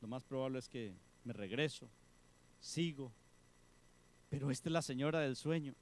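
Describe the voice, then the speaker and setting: A man, a pastor preaching and telling a story, acting out the people in it in soft, hushed voices. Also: medium pitch, normal speed. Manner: animated storyteller, voicing the women in the story with soft, hushed tones. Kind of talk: sermon storytelling.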